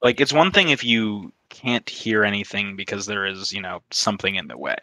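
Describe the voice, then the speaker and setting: A man's voice: on the low side, lively intonation, moderate pace, bright, forceful tone, dry recording. A man in a casual discussion, explaining his ideas analytically.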